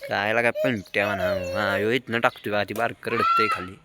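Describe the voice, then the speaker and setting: A man gives excited running commentary on a game of rooftop cricket for his vlog, calling out to the kids and to his viewers. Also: fairly low pitch, a little fast, very noisy. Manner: lively, calls out to kids and viewers. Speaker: vlogger. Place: outdoor rooftop terrace.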